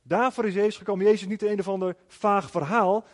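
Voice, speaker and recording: A man's voice: high-pitched, fairly even intonation, fast talker, long reverb tail. A man preaching a sermon as a pastor, telling a personal story in an earnest way with frequent restarts.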